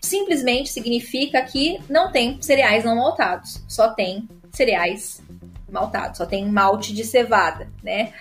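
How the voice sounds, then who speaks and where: A woman's voice: a little high, measured pace, soft background music. A woman sommelier with a Brazilian Portuguese accent, explaining at length in casual chat with many filler tags and restarts. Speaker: sommelier guest.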